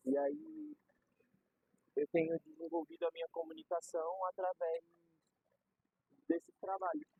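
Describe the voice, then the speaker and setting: A young man speaking with a Brazilian Portuguese accent has a very high, sing-song, creaky voice and an unhurried pace. He chats casually, explaining ideas with slang and everyday examples, on a dry, dull lo-fi recording.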